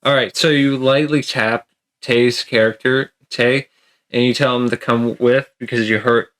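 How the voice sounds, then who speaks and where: A man's voice: mid-range voice, steady tone, unhurried, fairly bright tone. A man running a tabletop game as game master, rambling with lots of fillers and frequent laughter.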